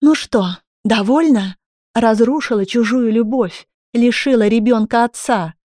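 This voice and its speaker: A woman's voice: measured pace, dark tone, no room sound, clean studio sound, close to an everyday voice. A woman voicing an unhinged, furious pregnant young woman who screams and mocks in an audiobook. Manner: shrill, screaming, mocking.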